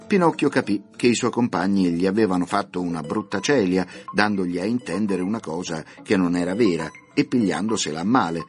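A man with a low voice reads a children's classic aloud, swinging his pitch widely as he tells the story. Soft music plays under the narration. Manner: lively, expressive storytelling. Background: soft background music.

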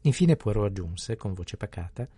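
A man narrating a novel in a steady, even literary reading. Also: lowish voice, normal speed, breathy edge, dry recording. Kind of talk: scripted audiobook narration.

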